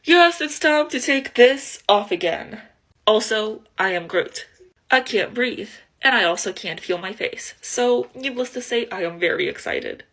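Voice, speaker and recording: A woman makeup vlogger chatting casually and playfully, with excited exclamations. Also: fairly high pitch, unhurried. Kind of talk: casual chat.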